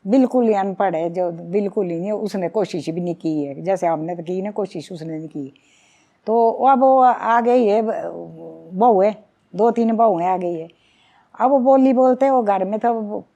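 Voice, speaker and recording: Middle-aged Himachali-accented woman, a folk singer being interviewed; warm, soft timbre, earnest storyteller. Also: medium pitch. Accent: Himachali Pahari. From Himachal Pradesh. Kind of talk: conversational interview.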